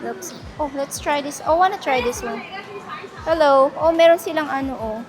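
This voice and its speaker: Filipino woman, travel vlogger, high voice, unhurried chatty delivery, handheld camera, loud music underneath. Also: crowd noise. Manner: chatty, mixes Tagalog and English, laughs often. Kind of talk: casual travel vlog. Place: shopping mall. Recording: loud music playing over voice. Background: background music.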